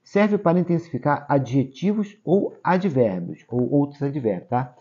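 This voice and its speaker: A man's voice: a little high, expressive, normal speed, warm tone, breathy edge. A man, teaching a grammar lesson for exam prep, explaining step by step and checking in with tag questions. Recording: dull lo-fi sound.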